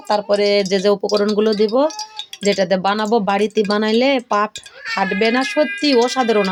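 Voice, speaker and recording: A woman's voice: medium pitch, background noise. An older woman and home cooking vlogger chatting casually through a kitchen demonstration, often checking that her viewers are following along.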